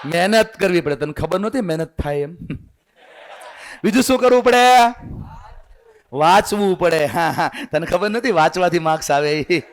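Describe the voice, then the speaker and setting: A man's voice: sits high, moderate pace, pauses often. A motivational speaker, a man, works a hall of students. He rouses them, fires questions and makes them repeat lines back to him. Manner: rousing, drills the crowd with call-and-response. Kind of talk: motivational seminar talk.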